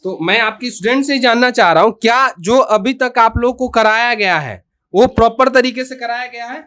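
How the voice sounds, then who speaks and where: A man's voice: extremely high pitch, moderate pace, bright, forceful tone. A man hosting a promotional video in a repair lab, talking at length and asking short repeated questions. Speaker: host. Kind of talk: promotional interview.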